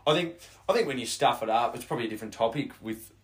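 A man in casual podcast chat, full of laughter and animated storytelling. His pitch sits at a middling, everyday level. He talks like a young co-host swapping work stories with a mate. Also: rapid-fire. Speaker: podcast co-host, real estate agent.

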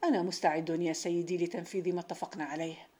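A woman's voice: fairly low pitch, steady tone, quick pace, darkish tone, lightly acted. A woman reading the lines of a humble, earnest young male servant in a folk tale. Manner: polite, earnest.

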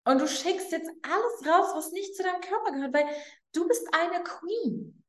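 A woman hosting a mindset podcast, guiding the listener through slow, emphatic affirmations and speaking to them directly. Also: extremely high pitch, animated, echoey room. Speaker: podcast host, mindset coach. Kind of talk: guided affirmation coaching.

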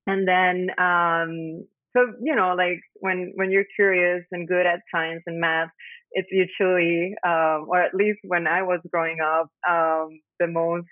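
A woman's voice: lowish voice, fairly even intonation, a little slow, no room sound. A Spanish-speaking woman from Puerto Rico with a Puerto Rican accent, answering interview questions casually with many ums as she searches for words. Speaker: guest engineer. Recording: tinny phone line.

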